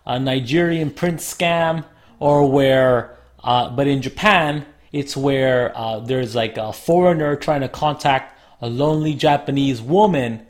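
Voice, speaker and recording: A man co-hosting a relaxed chat show, his voice a little hoarse and rough from a lingering sore throat. He talks in loose, rambling stretches and often restarts his sentences. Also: medium pitch. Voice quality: slightly rough, smoker-like. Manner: rambling, self-correcting. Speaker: podcast co-host. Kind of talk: casual chat.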